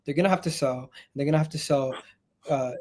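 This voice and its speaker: A man's voice: fairly high pitch, fairly quick, a little mellow. A man giving a passionate, exasperated football rant as a fan pundit, blunt and sweary, repeating phrases for emphasis. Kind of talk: opinionated sports rant.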